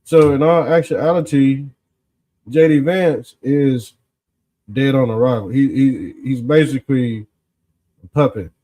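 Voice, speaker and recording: A man hosts a casual political commentary show, speaking in a folksy street style with stretched-out emphasis and a smug, sarcastic, exposé-like attitude. His voice is mid-range and mellow.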